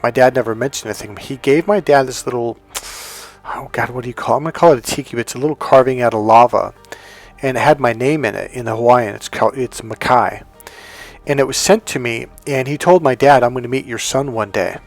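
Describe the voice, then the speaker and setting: With faint music in the background, a middle-aged dating coach from California speaks fairly quickly at a medium pitch. He casually relates his life story to viewers, going off on tangents and addressing them directly.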